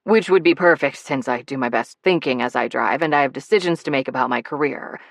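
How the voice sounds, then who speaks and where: A woman's voice: a bass voice, creaky, dry recording, clean studio sound, exaggerated voice. A woman voicing a teasing, persuasive man. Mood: eager. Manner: wheedling, good-humored, rushed when nervous. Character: charming playful adult man, teasing and persuasive.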